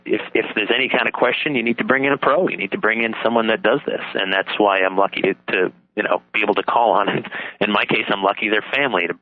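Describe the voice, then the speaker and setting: A man being interviewed as a radio guest over the phone, talking casually in a halting, informal way. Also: lowish voice, no room sound. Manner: halting, informal, repeats words as he thinks. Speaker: talk show guest, author and lecturer. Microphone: telephone call. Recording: tinny narrow phone line, dry.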